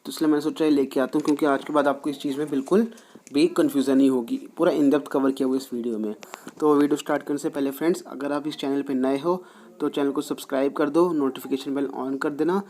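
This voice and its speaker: A man teaching a French lesson online, switching between Hindi and English, reading terms slowly and explaining them quickly. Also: medium pitch, fairly even intonation, darkish tone.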